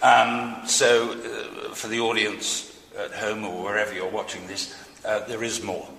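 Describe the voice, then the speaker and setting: A man's voice: fairly low pitch, little pitch movement, measured pace, creaky, pushed and bright. A man hosting an arts interview, teasing his guests with playfully obtuse questions. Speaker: arts show host. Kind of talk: mock-serious interview banter. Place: theatre hall. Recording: echoey theatre hall, faint noise.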